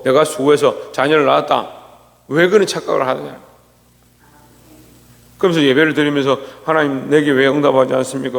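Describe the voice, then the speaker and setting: Male pastor preaching at dawn service, bit of fry in his voice, reverb from the church hall. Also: mid-range voice. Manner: preaching, reads scripture, acts out quoted complaints. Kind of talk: early-morning sermon.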